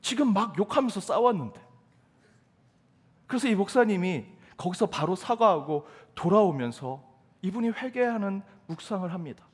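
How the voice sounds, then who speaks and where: A man preaches in an emphatic, questioning style, his voice pitched high for a man. The sound carries the long reverb of a church sanctuary, with each phrase trailing off into the hall. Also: expressive, normal speed, breathy edge. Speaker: pastor. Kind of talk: sermon.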